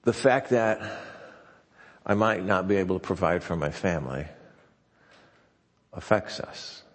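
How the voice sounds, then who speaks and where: A man's voice: low-pitched, expressive, a little slow. A man preaching a sermon in a loose, conversational way, often restarting his sentences. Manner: conversational and folksy, with frequent restarts. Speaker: pastor. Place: church sanctuary. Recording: long hall reverb.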